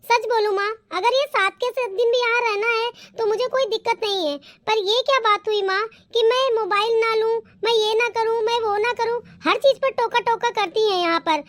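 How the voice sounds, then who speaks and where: A woman's voice: very high voice, steady tone, normal speed, few pauses, fairly bright tone. A woman voicing a fed-up young daughter-in-law who protests sharply in a cartoon. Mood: defiant.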